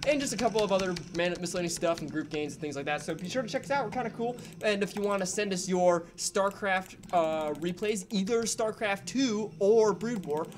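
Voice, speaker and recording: A young man co-hosting a gaming channel, giving chatty, excitable commentary while a friend plays. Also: high voice, brisk, hardly any pauses, a little hiss or hum. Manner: chatty, excitable, cheering on a player. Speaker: gaming channel co-host and caster. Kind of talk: casual live-stream game commentary. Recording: game music playing behind.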